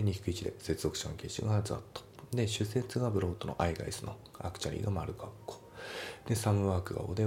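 A man teaching English, patiently going over test answers and repeating pronunciations slowly, often dropping into whispery asides. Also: low-pitched, vocal fry, dark tone, slight background noise.

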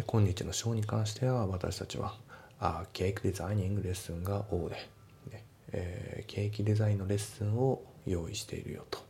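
A man teaching English, breaking sentences into parts and reading English lines slowly, then explaining pronunciation. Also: sits low, gravelly, mellow, a little hiss or hum.

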